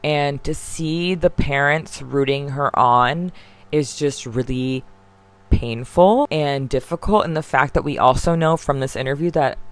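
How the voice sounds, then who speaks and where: A woman with a deep contralto voice giving an opinionated commentary monologue in a chatty way, full of fillers and restarts. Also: measured pace. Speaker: online drama commentator.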